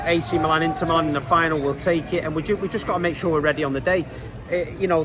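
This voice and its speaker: A man with a Manchester accent giving a casual, earnest interview as a football fan, using colloquial, emphatic phrasing. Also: on the high side.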